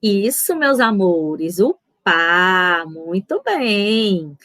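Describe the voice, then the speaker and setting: Woman teacher for a children's online lesson, affectionate sing-song delivery, slow pace. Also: mid-range voice, very animated, fairly bright tone, dry recording. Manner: affectionate, sing-song, stretches words slowly. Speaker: schoolteacher.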